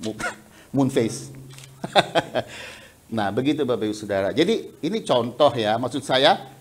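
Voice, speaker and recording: A man preaching a sermon in a church, chatty and animated, breaking into laughter, on a headset mic. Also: medium pitch, unhurried, a little hiss or hum. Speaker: pastor. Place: church sanctuary. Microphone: headset mic resting on the cheek.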